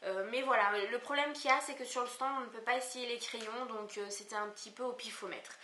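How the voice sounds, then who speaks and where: A woman's voice: fairly high pitch, steady tone, fairly quick, sharp tone, slight background noise. Chatty hesitant French woman vlogger. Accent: Southern French. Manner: hesitant, many fillers and restarts. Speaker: beauty vlogger. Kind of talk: casual haul video chat. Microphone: camcorder microphone. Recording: echoey room on camcorder mic.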